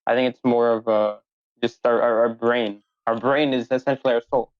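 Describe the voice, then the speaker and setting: A young man, co-hosting a casual podcast chat in an animated, halting way with many restarts. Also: medium pitch, clean tone, no echo, phone-quality sound. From United States. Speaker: podcast co-host.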